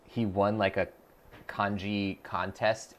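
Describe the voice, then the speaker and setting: On his live stream, a man practices a language app and chats slowly in a lowish, flat, fairly bright voice, with a little hiss or hum in the background. He muses aloud, restarting and filling gaps often, and reads out viewer messages so he can reply.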